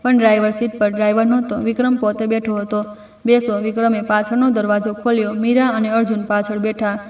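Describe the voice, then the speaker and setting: A woman narrating a scripted story in even, measured short phrases. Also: medium pitch. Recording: roomy, distant mic.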